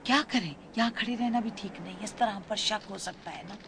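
Give me an actress voicing an anxious young woman, mid-pitched, urgent and hushed. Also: a little fast, slight background noise, natural voice. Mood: worried. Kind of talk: dubbed drama acting.

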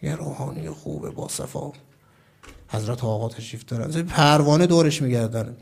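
A man from Iran, a cleric, telling a story in a sermon, dropping to hushed asides and then rising to loud, emphatic declarations. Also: mid-range voice, expressive, vocal fry, a little hiss or hum.

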